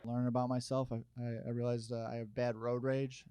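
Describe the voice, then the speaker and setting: A young man doing a stand-up comedy set, telling stories in an animated way and jumping up into loud shouted bits. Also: mid-range voice, a little fast, clear, resonant tone, no echo. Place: comedy stage with audience.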